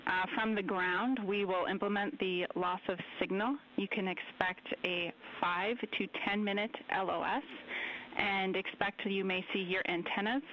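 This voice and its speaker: A woman in mission control talks to a crew over a radio loop, her voice muffled with a light hiss behind it. She gives calm, polite procedural instructions at an ordinary pitch. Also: unhurried. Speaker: mission control capsule communicator.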